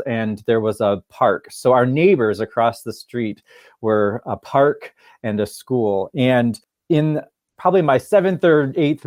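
Man, middle-aged, from Michigan, relaxed storyteller, laughs a lot, mid-range voice, dry close sound. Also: mid-range voice, no echo. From Michigan, USA. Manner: chatty, laughs often, acts out quoted voices. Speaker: guest, therapist and musician. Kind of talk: casual storytelling interview.

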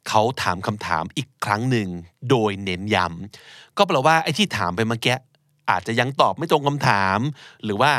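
A man's voice: mid-range voice, fairly bright tone, no echo, clean studio sound. A man teaching English vocabulary in a casual lesson, patiently explaining each word and repeating it. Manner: patient, explains words slowly and repeats them.

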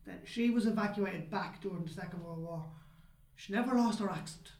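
Brisk and high-voiced with a darkish tone, the Irish co-host chats casually on the podcast, spinning stories and checking in with "right?" as he goes. The sound is reverberant.

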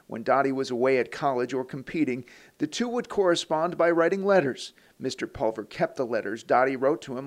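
A man hosting a podcast, reading a scripted introduction. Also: on the high side. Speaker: podcast host.

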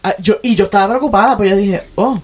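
Animated woman, chatty co-host. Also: medium pitch, quick pace, breathy edge. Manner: animated, self-correcting, frequent "o sea". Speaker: podcast co-host, stepmother. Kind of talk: casual chat.

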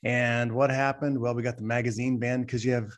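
A man's voice: medium pitch, level tone, a little fast. A man co-hosting a talk show, arguing his point emphatically with lots of rhetorical questions. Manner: emphatic, rhetorical, keeps asking "right?". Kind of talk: opinionated casual talk.

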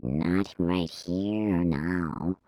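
A woman doing a deep, slow, cryptic creature. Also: warm tone, no room sound, clean studio sound, exaggerated voice. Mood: solemn. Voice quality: deep, slow, distant murmur. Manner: solemn, measured, mysterious. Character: hopping male creature companion, calm and cryptic. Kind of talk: whispered ASMR storytelling.

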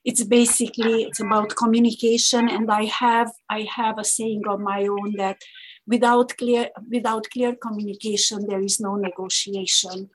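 A woman co-hosting a podcast in casual chat, speaking haltingly with frequent fillers and restarts. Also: medium pitch, little pitch movement, poor audio. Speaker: podcast co-host.

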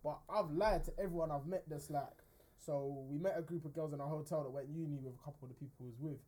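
A man's voice: on the high side, fairly even intonation, fast, warm tone. A man, chatting as a podcast co-host and telling a story full of slang. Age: 20s. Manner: storytelling, slangy, keeps asking "do you understand". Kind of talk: casual chat. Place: studio.

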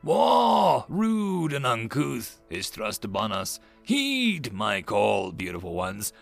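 A man voicing a regal elven queen who calls her subjects to war in a grand, declaiming speech with drawn-out words. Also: medium pitch, huge pitch swings, vocal fry, soft background music, full character voice. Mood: rousing.

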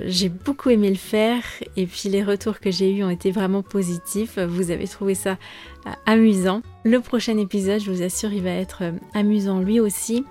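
A woman teaching her language on a podcast, explaining calmly with frequent fillers and pauses. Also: medium pitch. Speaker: French teacher and podcast host. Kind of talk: podcast lesson monologue.

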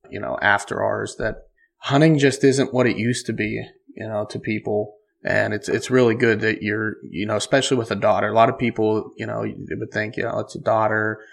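A man's voice: on the low side, gravelly. A male podcast host with a stuffed-up nose, chatting loosely and enthusiastically in an interview. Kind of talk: casual interview chat.

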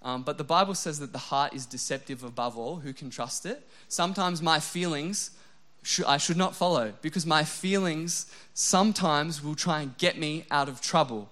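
A man in his younger adult years preaches with an emotional, self-deprecating energy. His voice sits a little high for a man, and he swings between lively bursts and hushed, intimate prayer. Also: normal speed. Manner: animated, self-deprecating, often drops to a soft low voice for prayers. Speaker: pastor. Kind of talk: sermon.

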